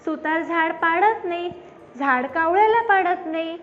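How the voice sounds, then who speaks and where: A woman voicing a small, excited female sparrow in a children's story, talking high and childlike. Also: measured pace. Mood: pleading. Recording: dull lo-fi with faint background noise.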